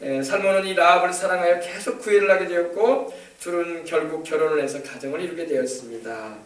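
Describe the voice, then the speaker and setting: A man's voice: on the high side, fairly even intonation, brisk, echoey room, distant mic. A man preaching a sermon as pastor, often calling out hallelujah and acting out quoted dialogue. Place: church sanctuary.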